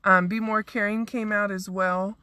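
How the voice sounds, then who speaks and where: A woman's voice: medium pitch, level tone, moderate pace, pushed and bright, clean tone, no room sound. A woman who is losing her voice, casually recapping her event and thanking sponsors with lots of ums. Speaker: event organizer. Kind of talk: casual live video recap.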